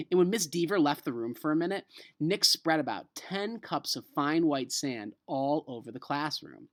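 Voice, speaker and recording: This American-accented man teaches elementary school, reading a children's novel to the class and explaining it with expressive emphasis. His voice is a little high.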